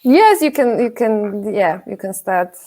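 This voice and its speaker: A woman hosts an online portfolio review, introducing the presenter in an informal, encouraging way. Her voice is mid-pitched. She is heard over a video call. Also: big pitch swings, measured pace, warm tone. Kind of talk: online event moderation.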